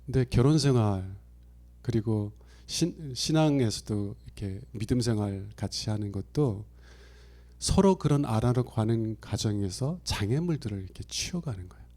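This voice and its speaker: Middle-aged male pastor, mellow voice, chatty storytelling sermon style. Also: fairly low pitch, expressive, moderate pace. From Chungcheong Province, Korea. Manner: conversational storytelling, acts out quoted lines with big swings in loudness. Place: church sanctuary.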